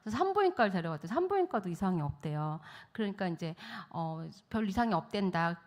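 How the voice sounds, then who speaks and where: Lively woman giving a church testimony. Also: medium pitch. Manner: animated storytelling, acting out quoted voices. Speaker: missionary speaker. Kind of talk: testimony sermon.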